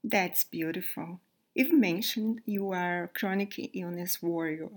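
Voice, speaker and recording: A woman's voice: fairly low pitch, unhurried, a little hiss or hum. A woman hosting a podcast interview, asking friendly, encouraging questions. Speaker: podcast host.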